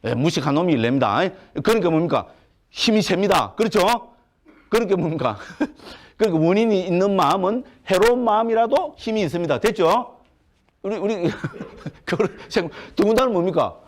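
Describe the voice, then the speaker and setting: Lively high-pitched monk lecturing. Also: male voice, moderate pace. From Gyeongsang, South Korea. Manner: keeps asking the class rhetorical questions; humorous, plain-spoken, lively. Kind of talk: Buddhist doctrine lecture to a class. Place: lecture hall at a Buddhist education center.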